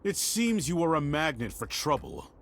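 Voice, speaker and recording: A man's voice: fairly high pitch, huge pitch swings, moderate pace, a bit bright, heavily acted. An actor playing a stern middle-aged director of a girls' home, formal and scolding, in a dramatic video game scene. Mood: stern, concerned.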